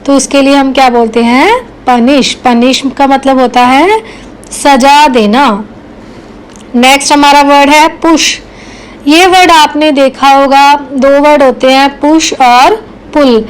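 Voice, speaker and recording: Slow, high-voiced woman teaching English. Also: fairly even intonation, poor audio. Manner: slow, repeats example sentences word by word; asks the learner questions, then answers them herself. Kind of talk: spoken English lesson for learners.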